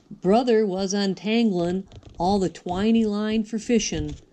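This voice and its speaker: A sweet old lady reads a picture book aloud in a folksy, singsong rhythm, dropping her g's as she goes. Her voice sits at a middle pitch for a woman. The recording carries noise and small clicks. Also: darkish tone. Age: older. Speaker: grandmother reading a picture book. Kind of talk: storybook read-aloud.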